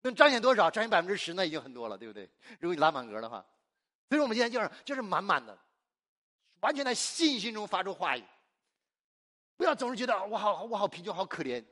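Preacher, male, from China; high, very lively voice; emphatic call-and-response sermon style. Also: fast, long pauses. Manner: call-and-response, asks the congregation and answers himself; exuberant and emphatic, laughs often.

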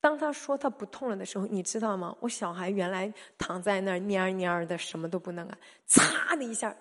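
A woman preaching a sermon, telling stories in an animated, emphatic way with sudden loud peaks. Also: medium pitch, brisk.

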